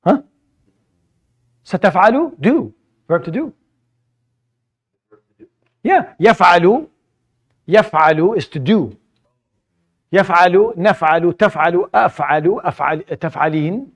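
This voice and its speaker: A man's voice: high voice, expressive, normal speed, pauses often, slightly rough. A male teacher giving a classroom lecture, patiently explaining vocabulary and often repeating words while he searches for his phrasing. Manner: mixes English explanation with Arabic vocabulary. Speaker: Arabic teacher.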